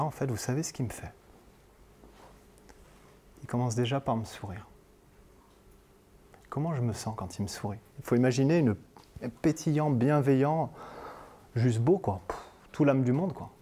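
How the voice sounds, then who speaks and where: A man's voice: medium pitch, dark tone, slight background noise. A man from Marseille giving a coaching lecture, telling a story in a colloquial, joking way and acting out the dialogue. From Marseille, France. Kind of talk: lively storytelling talk. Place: conference room.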